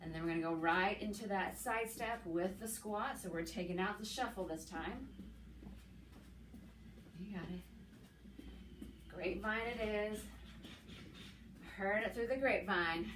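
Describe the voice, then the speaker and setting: A middle-aged woman coaching an exercise class as an aerobics instructor, calling cues and counts with steady encouragement while she works out. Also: mid-range voice, measured pace, pauses often. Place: indoors, plain room with hard walls. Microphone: camera several meters away. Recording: echoey room, distant mic, background noise.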